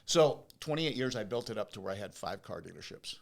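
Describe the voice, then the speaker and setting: A man's voice: on the low side, lively intonation, a little fast, creaky. An American man in his fifties or older with a whistling s, telling his story conversationally as an interview guest, with emphatic repetition and rhetorical questions. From Oregon, United States. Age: 50s or older. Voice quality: whistling s from new teeth. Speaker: podcast guest, business owner.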